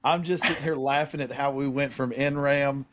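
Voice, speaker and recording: A man's voice: mid-range voice, steady tone, moderate pace, fairly bright tone. A man co-hosting a podcast, chatting casually and laughing at how the talk wandered. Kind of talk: casual chat.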